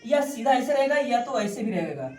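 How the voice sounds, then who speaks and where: A woman with a fairly high voice teaches a classroom maths lesson. She repeats each key term and keeps quizzing her students. She is recorded from a distance in a roomy, echoing classroom with faint background noise. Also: sing-song, moderate pace.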